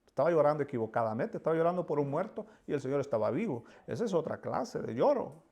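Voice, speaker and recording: A man's voice: on the high side, very animated, fast, creaky, a little mellow. A man preaching a sermon with fervor, voicing pleading prayers and often repeating words.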